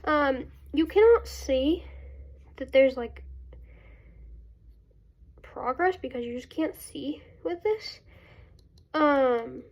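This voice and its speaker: A woman vlogging casually as a beauty vlogger, congested with a cold and breathing through her mouth, talking in a halting, self-interrupting way. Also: high-pitched, expressive, darkish tone, lo-fi sound. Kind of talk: casual chat to camera.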